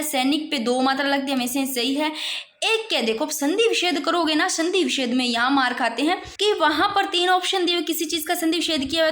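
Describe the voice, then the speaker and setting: A woman teaching an exam-prep spelling lesson, patiently explaining and repeating words slowly for her students. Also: high-pitched, a bit bright. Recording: echoey room.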